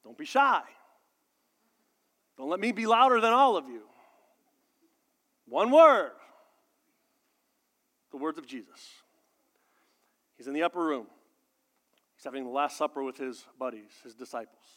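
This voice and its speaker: A man's voice: a little high, lively intonation, normal speed, long pauses, bright, forceful tone. An American man preaching playfully in a large auditorium, quizzing listeners and giving instructions like a teacher to a class. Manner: playful, teasing the audience. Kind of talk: animated sermon to a congregation. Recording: long reverb of a large hall.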